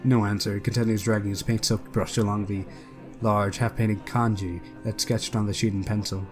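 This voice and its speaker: A man's voice: lowish voice, little pitch movement, moderate pace, faint music behind. A man reading a visual novel aloud for a let's play, with casual asides. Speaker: let's player.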